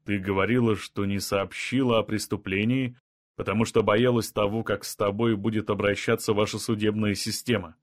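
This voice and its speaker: A male reader voicing a calm, blunt man from another kind of people, level and matter-of-fact even about killing. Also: medium pitch, moderate pace, dry recording, natural voice. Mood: cold resolve.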